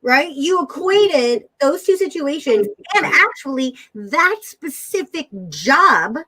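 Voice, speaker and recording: Woman, sales coach guest, emphatic, piles up words, lively intonation, highish voice. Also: takes it slowly, low-quality recording. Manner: emphatic, builds lists of words. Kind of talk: animated interview talk.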